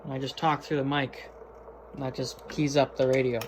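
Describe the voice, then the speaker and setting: Indoors, a hobbyist presenter gives an unscripted, slangy, matter-of-fact tour of his gear. He speaks at a moderate pace with a flat delivery and medium pitch, and the amateur video recording is clearly noisy.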